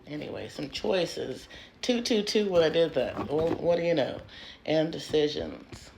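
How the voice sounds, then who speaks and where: A woman giving a casual tarot reading on her vlog, frank and crude, swinging between hushed whispers and loud bursts, filmed on a phone propped up at home. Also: deep voice, sing-song, normal speed, gravelly, noisy background. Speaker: tarot reader.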